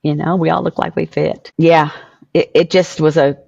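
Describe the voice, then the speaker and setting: A woman's voice: low voice, normal speed, creaky, slightly rough, dry recording, dull audio. Storytelling woman in her sixties. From southern US small town. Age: 60s. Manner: animated storyteller acting out quoted voices. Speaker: podcast guest. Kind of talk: emotional storytelling interview.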